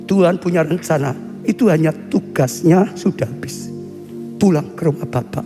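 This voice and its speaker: A male pastor preaches in a fervent, high-pitched voice, repeating phrases in rising chant-like waves. His sermon rings out with a long hall reverb. Faint music sits underneath. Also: normal speed.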